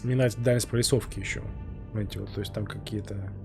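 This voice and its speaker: A man's voice: on the low side, fairly even intonation, fast talker, gravelly, music in the background. A man giving casual, informal commentary as a game streamer, musing aloud as he plays. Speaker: live streamer playing a game.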